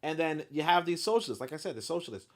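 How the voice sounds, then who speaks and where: A man reads aloud from a history book, then breaks off into lively, blunt commentary full of swearing and filler words. His voice is fairly high and he talks fast.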